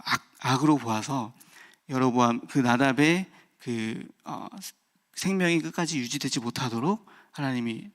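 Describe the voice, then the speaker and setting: Pastor, male, thirties, at a dawn service; candid, personal delivery with frequent pauses and restarts. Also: fairly high pitch, a bit bright. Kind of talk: early-morning sermon.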